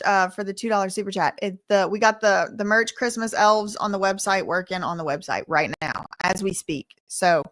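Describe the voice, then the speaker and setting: On a laid-back live stream, the Louisiana host responds to chat messages with sassy, everyday American phrasing. Her mid-range voice has a bit of brightness, and the studio-quality recording carries no room sound.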